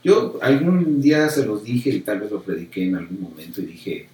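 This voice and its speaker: Animated Mexican pastor, echoey room. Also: male voice, lowish voice, normal speed. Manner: animated, acts out quotes, repeats himself. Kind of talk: casual conversation about faith. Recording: very echoey room, distant mic.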